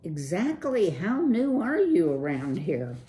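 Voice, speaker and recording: This woman's lowish, warm voice is raised for the role of a laid-back young male city mouse. Slow and very animated, she gives him a breezy drawl, surfer slang, and a steady stream of "dude."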